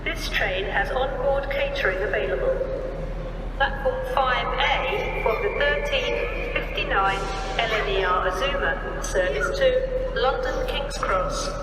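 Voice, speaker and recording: A woman giving automated railway station announcements over a public address loudspeaker in measured, evenly spaced phrases. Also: fairly high pitch, over loud music. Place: large railway station concourse. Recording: echoey station hall from far off.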